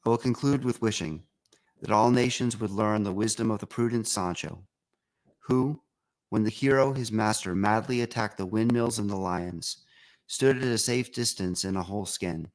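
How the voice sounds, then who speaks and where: A man with a fairly low voice reads an old essay aloud. His delivery is formal and declamatory, with rhetorical weight. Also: moderate pace, low-quality recording. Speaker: reader.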